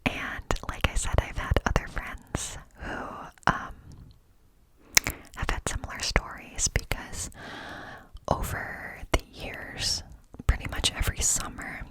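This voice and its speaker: A woman speaks entirely in a breathy, unvoiced whisper, hushed as if everyone else is asleep at night. She tells her story casually, wandering conversationally from thought to thought, cupped close to the microphone in ASMR style. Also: low-quality recording. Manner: hushed, quiet-at-night confiding. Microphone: close microphone with cupped hands.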